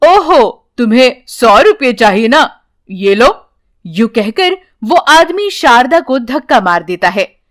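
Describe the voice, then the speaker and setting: A young woman tells a children's bedtime story in a high, light voice. She reads slowly and clearly, in a plain, even storybook delivery. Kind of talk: scripted narration of a children's story.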